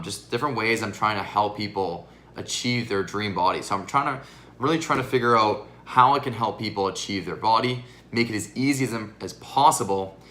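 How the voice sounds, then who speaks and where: A young male fitness coach talks earnestly and straight to his viewers in a casual question-and-answer vlog. His voice sits on the low side yet comes out bright and forceful. It sounds a little worn after hours of teaching classes. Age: 20s.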